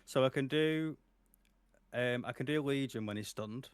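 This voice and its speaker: A man's voice: mid-range voice, moderate pace, clear, resonant tone, no echo. A young man, a guest streamer chatting casually on a podcast, laughing often and swearing freely.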